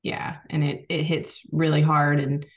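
A woman with a notably deep voice for a woman co-hosts a romance book podcast. She talks in an easygoing, agreeable way, adding short affirmations and her own recollections. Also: level tone, unhurried, highs cut off. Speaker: podcast co-host reviewing romance books. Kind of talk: casual chat.

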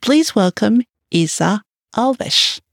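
A woman's voice: mid-range voice, animated, slow pace, vocal fry. A woman hosting a business podcast, reading a scripted welcome and then asking her guest conversational questions. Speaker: podcast host. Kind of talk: podcast interview.

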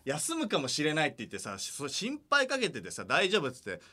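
A man hosting late-night comedy radio, telling an animated story and acting out other people's lines with lots of laughter. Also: a little high, fast talker.

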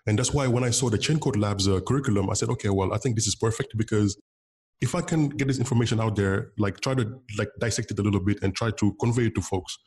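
On the low side and a little mellow, the voice belongs to a Wolof-speaking Senegalese man who develops bitcoin software. He's being interviewed and chats loosely, with lots of fillers and restarts.

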